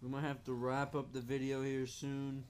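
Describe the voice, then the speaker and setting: Swearing joker hosting a home vlog. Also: male voice, medium pitch, completely flat delivery, moderate pace, crowd noise. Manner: joking, swears constantly. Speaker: vlog host. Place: indoors at home, dim room. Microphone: handheld camera or phone. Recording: noisy home recording.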